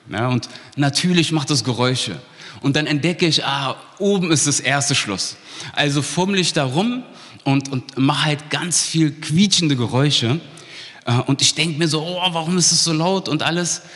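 A man's voice: medium pitch, fairly bright tone. Man preaching in a reverberant hall. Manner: vivid storyteller, often checking in with the congregation. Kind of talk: sermon with a personal story and Bible reading.

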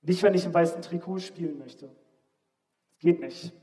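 A man with a fairly high voice delivers a sermon built around a personal story, addressing the congregation directly. His delivery swings from loud, insistent emphasis to quiet, nearly whispered lines. The long tail of a large hall follows every phrase. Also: unhurried. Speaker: preacher.

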